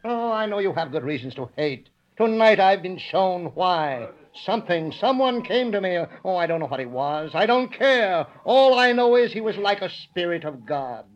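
An actor playing a repentant old miser who runs a village, earnest and declamatory in an old radio drama. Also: male voice, sits high, very animated, moderate pace, hardly any pauses, muffled recording. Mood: fervent. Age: older. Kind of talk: 1940s radio drama acting.

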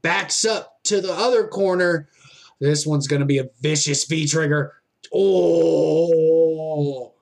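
Male wrestling commentator, high-pitched voice, slow pacing, excitable play-by-play, informal fan-like exclamations. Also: gravelly. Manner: excitable, exclaiming at big moves.

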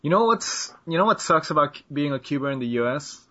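A man's voice: fairly high pitch, expressive, fast, fairly bright tone. A man from the southern United States hosting a casual podcast chat, teasing his guests and joking around. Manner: jokey, teasing, swears and laughs often. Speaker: podcast host. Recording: muffled lo-fi audio.

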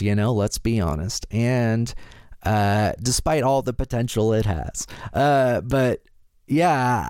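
A man's voice: medium pitch, darkish tone, smooth, dry recording, clean studio sound. A man hosting a podcast, casually introducing things in a hesitant, rambling way full of asides. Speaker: podcast host.

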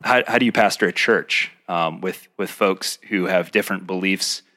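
Rambling podcast co-host, low voice. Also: male voice, moderate pace, pushed and bright. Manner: rambling, many fillers. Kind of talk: casual interview chat. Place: home, indoors.

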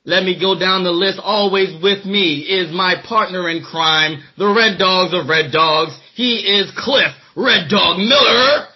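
High-pitched, husky man announcing like a ringmaster. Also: measured pace, hardly any pauses. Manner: theatrical, booming ringmaster showmanship. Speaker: podcast host. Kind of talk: ringmaster-style show introduction, announcing. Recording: dull lo-fi podcast audio.

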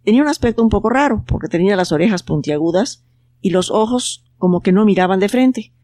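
A storyteller, reading a children's tale in a calm, unhurried way. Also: mid-range voice. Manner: calm, unhurried telling with plain quoted voices. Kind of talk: storybook narration.

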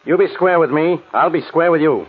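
A tinny old radio recording carries an exasperated American police inspector. He talks fast in a rough, fairly high voice, suspicious and blustering in 1940s radio drama style. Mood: exasperated, demanding. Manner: blustering, insistent.

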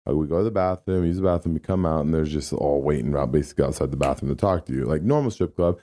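Fast-talking man with a dark voice. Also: a bass voice. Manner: rambling, animated, many fillers. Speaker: podcast co-host. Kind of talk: casual storytelling chat.

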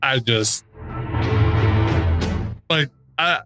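A man co-hosting a podcast, giving opinionated conversational commentary in a frustrated, halting, emphatic way. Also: medium pitch, over loud music. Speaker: true crime podcast co-host.

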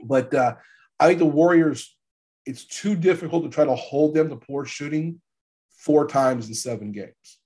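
A man with a stuffy, gravelly voice from allergies, hosting a casual sports podcast and informally rephrasing his points as he goes. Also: fairly high pitch, measured pace, warm tone. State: congested from allergies. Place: podcast studio.

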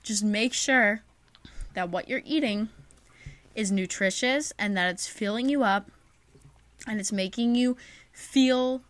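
A woman's voice: fairly high pitch, slow pace, pauses often, a bit bright, dry recording. A young woman hosting a podcast, giving chatty, upbeat advice in a casual way with lots of fillers. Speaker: podcast host.

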